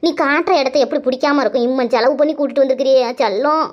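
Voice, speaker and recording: A woman's voice: high-pitched, fast talker, lo-fi sound, lightly acted. A woman voicing a grasping, jealous middle-aged village aunt in a cartoon, scolding and wheedling. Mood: scheming. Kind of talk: cartoon voice acting.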